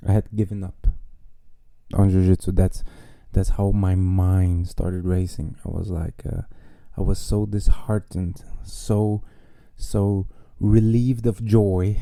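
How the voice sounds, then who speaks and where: A man's voice: low voice, level tone, takes it slowly, vocal fry, dark tone, no echo. A man hosting a podcast, telling a personal story in a casual, self-mocking monologue with wry jokes. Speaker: podcast host.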